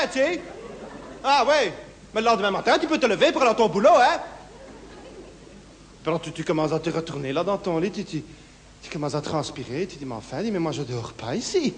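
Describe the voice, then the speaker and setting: Alone on a theatre stage with a handheld mic, a Brussels-accented comedian rambles anxiously through his monologue, dropping in local fillers and abrupt put-on voices. Those impersonations sit higher in pitch than his normal speech. The hall adds a long reverb over faint room noise.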